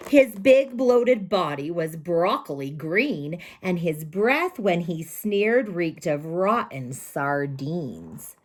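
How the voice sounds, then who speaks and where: Reading a rhyming children's picture book aloud, a woman storyteller uses a slow, expressive, sing-song rhythm. Her voice sits in the mid range.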